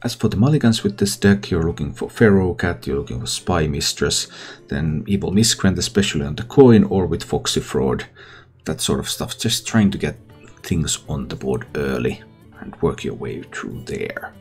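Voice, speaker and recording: Man, deep gravelly voice, lively pitch, casual gaming commentary, music underneath. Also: moderate pace. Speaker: gaming content creator and host. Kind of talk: casual game commentary, thinking aloud. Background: background music.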